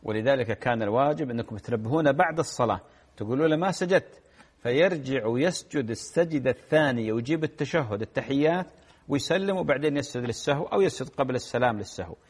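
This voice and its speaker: A man answers callers' religious questions on a call-in show. He sits at an average pitch for a man and takes his time, explaining patiently and stretching out the words in his examples. He sounds like a cleric settling everyday questions. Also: expressive, fast talker, slightly rough.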